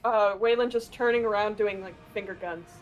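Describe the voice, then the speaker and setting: A woman's voice: mid-range voice, moderate pace, lo-fi sound, slight background noise. A woman playing a tabletop game online, thinking aloud with hesitant fillers. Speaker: player. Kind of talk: casual tabletop play.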